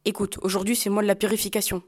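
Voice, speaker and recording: A woman voicing an old grandmother who hides a young girl. She speaks in urgent, hurried warnings. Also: medium pitch, flat delivery, close to an everyday voice. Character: anxious old grandmother, brave and protective.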